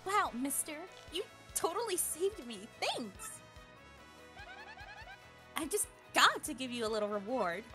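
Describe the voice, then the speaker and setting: A woman's voice: sits high, very animated, unhurried, long pauses, sharp tone, soft background music, heavily acted. A woman voicing a perky, sassy young mushroom-creature student from a video game, gushing and slangy. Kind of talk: video game character read-aloud.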